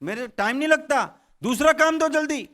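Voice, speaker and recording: A man's voice: on the high side, moderate pace, a bit bright, pitched below the performer's own voice, lightly acted. A man doing a restless ghost begging for work. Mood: urgent. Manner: pleading, insistent.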